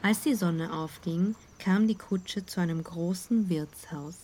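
Brief: calm female storyteller, somewhat low voice, measured fairy-tale narration. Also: a little hiss or hum.

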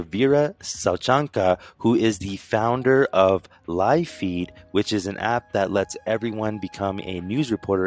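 A man hosting an interview show in a casual style, introducing and questioning a guest. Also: fairly low pitch.

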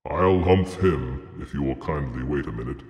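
A man voicing a grand, stern male desert Jinn in a storybook, speaking slowly and weightily in an admonishing way. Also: very deep voice, a little mellow, pitched below the performer's own voice. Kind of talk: storybook character voice. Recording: roomy echo with long reverb.

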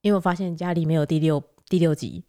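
A woman's voice: low voice, fairly even intonation, quick pace, dark tone. A woman in her thirties chatting casually as a podcast co-host, reflective and chatty, easily amused. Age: 30s. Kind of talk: casual chat.

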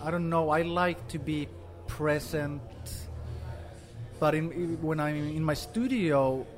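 This Finnish-born man in his forties, who grew up in Sweden, is a guest artist being interviewed. He talks in a relaxed, filler-heavy way, his slightly high voice taking its time.

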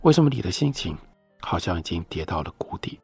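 A man's voice: deep voice, very animated, a little fast, creaky, husky, dry recording, soft background music, heavily acted. A man reading as a desperate young woman lover. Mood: searching.

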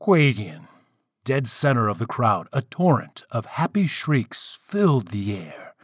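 A man's voice: medium pitch, very animated, measured pace, husky, dry recording, clean studio sound. A man telling a myth in a playful, wry way, with casual asides to the listeners. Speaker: storyteller. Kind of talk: casual storytelling narration of myths.

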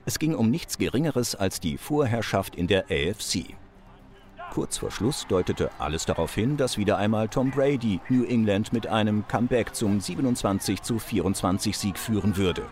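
A man giving scripted documentary narration in a measured, dramatic way, with dry studio sound. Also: on the low side, lively intonation, a little mellow. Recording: dry close studio voice-over.

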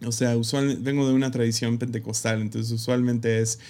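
A man who is a pastor, telling a personal story to camera in a reflective, halting way with many fillers. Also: mid-range voice, flat delivery, warm tone. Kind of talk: casual personal testimony to camera.

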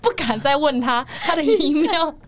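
High, lively woman with a Taiwanese accent. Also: moderate pace, crowd noise. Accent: Taiwanese Mandarin. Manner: animated, laughs often, acts out quoted callers. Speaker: podcast co-host, salesperson. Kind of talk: casual chat, storytelling.

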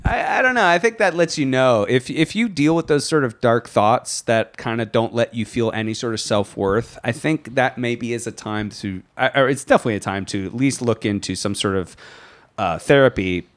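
A man's voice: medium pitch, normal speed. A man co-hosting a podcast, talking casually in a rambling, hesitant way with many fillers. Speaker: podcast co-host. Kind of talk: casual chat.

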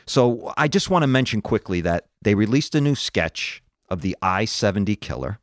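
A man's voice: fairly low pitch, lively intonation, normal speed, no room sound, studio quality. A man in his fifties hosting a podcast, talking through cases as a conversational true crime narrator.

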